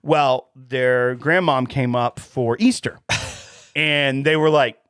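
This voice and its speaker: A man's voice: medium pitch, steady tone, slow pace, fairly bright tone, smooth, no echo, studio quality. A man, co-hosting a podcast and telling long family stories with frequent laughs. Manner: chatty storyteller, laughs often. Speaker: podcast co-host. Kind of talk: casual chat.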